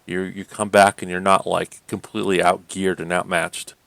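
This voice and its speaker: A man co-hosting a podcast, chatting casually about games in a rambling way, full of fillers and quick laughs. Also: low-pitched, flat delivery, creaky, fairly bright tone, dry recording. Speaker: podcast co-host. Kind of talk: casual gaming chat.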